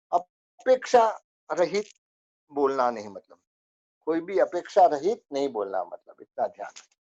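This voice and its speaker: A man's voice: a little high, darkish tone, dull audio. A man teaching a spoken religious lesson, going through a list of rules with many fillers.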